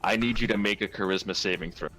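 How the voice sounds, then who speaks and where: A man's voice: low-pitched, fast, bright, forceful tone, faint music behind, poor audio. A man narrating as game master in a tabletop role-playing game, in a loose, rambling way.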